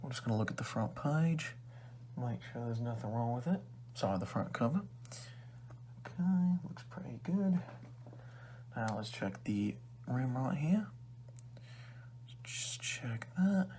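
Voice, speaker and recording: A man's voice: medium pitch, animated, moderate pace, darkish tone, a little hiss or hum, close to an everyday voice. A man playing a rude, condescending librarian who sells used books, in an ASMR role-play with chummy but insulting salesman-like patter. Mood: casual, pitching. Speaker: ASMR performer.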